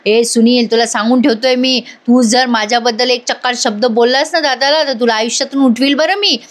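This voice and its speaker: A nervous man frets and makes threats in a high voice, as a woman telling a story voices him. He sounds worried throughout. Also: a little fast, natural voice. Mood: anxious.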